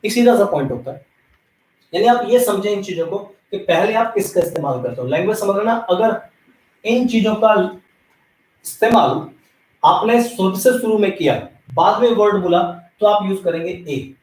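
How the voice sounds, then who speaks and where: A man's voice: high-pitched, animated, moderate pace, darkish tone. A man from India teaching an English grammar lesson, explaining step by step and speaking directly to his students. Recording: echoey room, voice from a distance.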